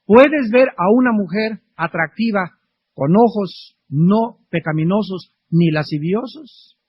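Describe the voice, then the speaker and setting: Middle-aged preacher guy, raspy-ish voice, fiery sermon, muffled old tape sound. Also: sits high, lively intonation, slow, no room sound. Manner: fervent, rhetorical questions, swings from loud to soft. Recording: dull lo-fi archive recording.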